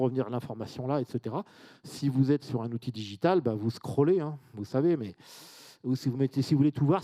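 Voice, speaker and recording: A warm, medium-pitched voice belongs to a French man presenting at a conference in a casual way. He chats with the room, adding side remarks and posing questions to listeners.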